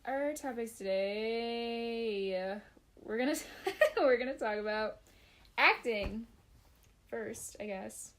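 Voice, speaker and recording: A young woman in her twenties co-hosts a loose, casual podcast, her slightly high voice sounding worn and fatigued. She rambles, laughs at herself often and pokes fun at her own sluggishness. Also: lively intonation, slow, pauses often, fairly bright tone. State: fatigued voice after jaw surgery. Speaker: podcast co-host. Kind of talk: casual chat.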